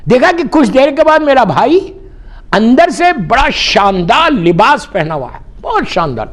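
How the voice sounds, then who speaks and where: A middle-aged man preaching from the pulpit in a very high voice. His pitch swings widely as he tells a story to the gathering. He calls the listeners his friends and drops English phrases into his speech. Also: big pitch swings, fairly bright tone. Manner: addresses the audience directly as friends. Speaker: religious scholar preaching a majlis.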